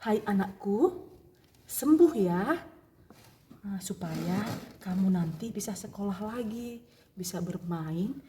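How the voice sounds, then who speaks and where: A woman doing a soft, gentle Jesus. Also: mid-range voice, expressive, slight background noise. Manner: soft, slow, reassuring. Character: gentle, calm Jesus comforting a family.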